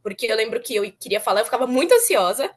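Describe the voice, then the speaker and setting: A woman's voice: on the high side, lively intonation, fast talker. A young woman chatting earnestly as an interviewee, repeating words for emphasis. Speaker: former student interviewee. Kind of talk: casual interview chat.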